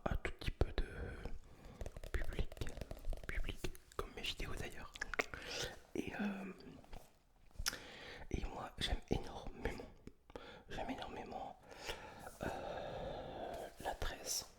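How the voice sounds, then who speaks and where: A person speaking entirely in a breathy whisper, close to the mic, presenting books in a casual, informal ASMR style. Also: slow pace, long pauses. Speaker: ASMR video host. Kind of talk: whispered ASMR book review, casual chat.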